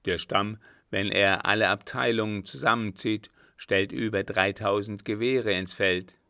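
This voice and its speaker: A man's voice: fairly low pitch, steady tone, measured pace, pushed and bright, dry recording, clean studio sound. A man voicing a selfish, scheming old man who mocks and bargains in a sardonic, calculating way.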